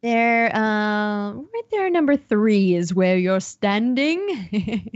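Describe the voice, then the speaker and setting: A woman's voice: mid-range voice, expressive, very slow, dry recording. Woman game master describing creepy scenes, lots of ums, kinda muffled audio. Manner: descriptive, with frequent ums and restarts. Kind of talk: narrating a tabletop horror game.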